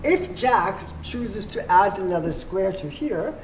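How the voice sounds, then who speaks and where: A host patiently walks players at a table through board game rules, instructing them and checking that they follow. The voice is medium-pitched, expressive, and slow, recorded in a noisy room with background ambience.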